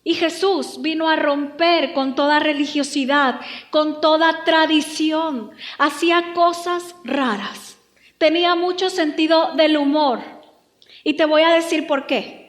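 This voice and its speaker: Woman pastor, lively sermon, humorous, echoey church. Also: high voice, slow. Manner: lively, humorous, acts out quotes.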